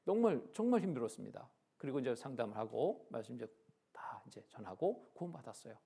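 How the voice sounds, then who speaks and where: A male pastor telling a story in a church sermon, animated, acting out the dialogue and swinging from loud to hushed. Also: mid-range voice, quick pace, vocal fry, husky. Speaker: pastor, Bible lecture speaker. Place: church sanctuary.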